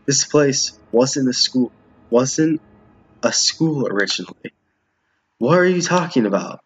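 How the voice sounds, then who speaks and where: A man streams a visual novel for his viewers, casually commenting and reading the dialogue aloud, often stumbling over or repeating lines. His medium-pitched voice is animated and unhurried, with a breathy edge. The home recording sounds muffled and roomy.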